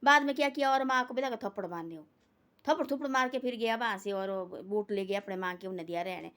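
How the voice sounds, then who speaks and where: A woman's voice: mid-range voice, quick pace, a bit bright. A woman telling a moral story in a casual, earnest way. She repeats herself often and keeps tagging quotes with "he said.".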